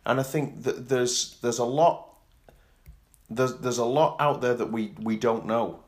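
A man co-hosting a casual chat who reacts quickly and muses out loud. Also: mid-range voice. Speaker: podcast co-host.

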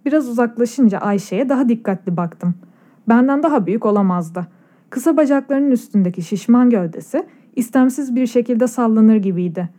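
A woman narrating a story in a calm, measured and reflective way, recorded in a studio. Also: a little high. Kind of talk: scripted audiobook narration.

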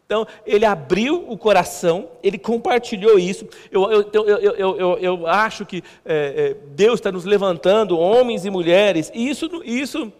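High-voiced pastor in a reverberant hall. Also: male voice. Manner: halting, repeats words, conversational and self-mocking. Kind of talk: sermon. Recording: long church hall reverb.

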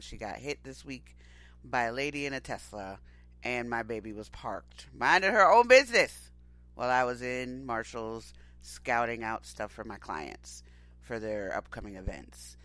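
A man in his forties co-hosting a podcast, telling stories in an animated, expressive way. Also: medium pitch. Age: 40s. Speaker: podcast co-host. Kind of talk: casual chat.

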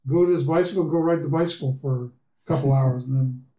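Male guest, slightly high but warm voice, rambling with fillers, roomy echo. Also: fast. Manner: rambling, lots of "uh" and "you know". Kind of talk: casual interview chat.

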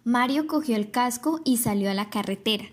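Higher-voiced Colombian woman storyteller. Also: brisk. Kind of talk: scripted children's story narration.

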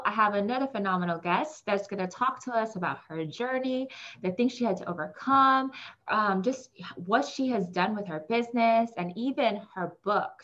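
A woman hosting a podcast opens the show and then interviews her guest with friendly, encouraging questions. Her voice is fairly high and fairly bright, though the audio sounds dull.

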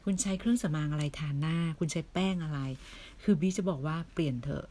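Low-voiced persuasive woman selling skincare. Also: fast talker, dark tone. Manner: persuasive, chatty, asks the listener many questions. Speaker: beauty product seller recruiting members. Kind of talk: casual sales pitch.

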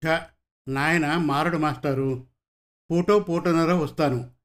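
A man's voice: on the high side, fairly even intonation, slow pace. A man voicing a bold, clever village boy. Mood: defiant. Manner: bold, defiant. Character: clever defiant ten-year-old village boy.

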